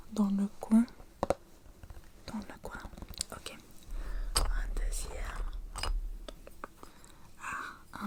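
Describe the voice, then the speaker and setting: Soft-spoken ASMR woman, French, mellow and unhurried, close intimate whisper. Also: medium pitch, a little hiss or hum. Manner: slow, halting whisper with frequent pauses and restarts. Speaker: ASMR creator. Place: indoors at home.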